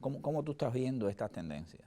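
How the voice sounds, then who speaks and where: A man's voice: medium pitch, big pitch swings, fast, warm tone. A man with a Cuban Caribbean Spanish accent, interviewing conversationally as a programme's regular analyst.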